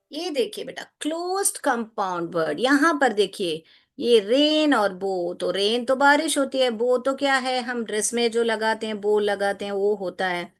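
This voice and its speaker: A woman teacher explaining a grammar lesson to children, patiently repeating questions and mixing Hindi with English phrases. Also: on the high side. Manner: patient, repeats questions to students, calls them beta.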